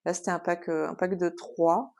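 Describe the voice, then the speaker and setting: A woman's voice: on the low side, little pitch movement, moderate pace, gravelly, darkish tone. A woman hosting a casual craft tutorial, explaining at an easy pace with frequent hesitations and filler sounds. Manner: chatty, explanatory.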